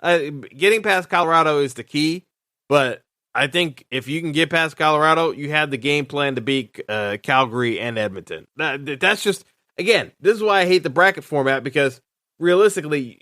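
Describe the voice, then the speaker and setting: A man hosts his own sports podcast alone, airing his opinions as he thinks them through. His voice sits a little high, bright and forceful, and is recorded dry and close. He stumbles and restarts often and fills gaps with "uh.". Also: no room sound. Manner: hesitant, full of fillers and restarts. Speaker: podcast host. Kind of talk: solo sports podcast commentary.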